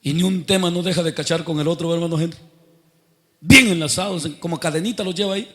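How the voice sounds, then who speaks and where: A man's voice: fairly high pitch, fast talker, bright, forceful tone. A man preaching a sermon, quizzing his congregation and building to fervent outbursts.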